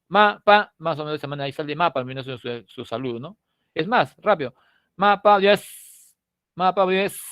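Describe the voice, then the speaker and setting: A man's voice: a little high, no room sound, studio quality. A middle-aged man from Lima with a Peruvian accent, teaching a language class in a chatty, joking way and often ending lines with a questioning tag. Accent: Peruvian Spanish (Lima). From Lima, Peru. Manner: conversational, tags lines with "¿no?", jokes with students. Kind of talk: lecturing to a prep-course class.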